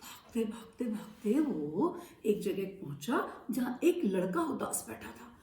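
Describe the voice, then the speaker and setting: A woman telling a children's story in a lively, expressive, playful way. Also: on the high side, slow pace. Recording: echoey room from a distance.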